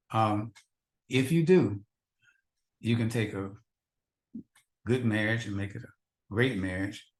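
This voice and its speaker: A man's voice: on the low side, darkish tone. A man teaching a faith-based marriage class, earnest and repetitive, asking the husbands in the audience rhetorical questions. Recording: echoey room.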